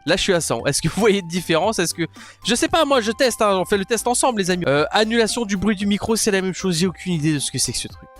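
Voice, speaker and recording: A man's voice: sits high, lively intonation, fast, a bit bright, soft background music. A man casually reviewing a headset, talking through a headset mic in a crude, joking, rambling way. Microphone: gaming headset mic.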